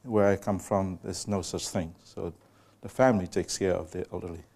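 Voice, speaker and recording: With a fairly low, warm, and mellow voice that stays steady and a bit gravelly, a Samoan guest lecturer presents unhurriedly in a room full of listeners. Every so often he addresses them directly with questions.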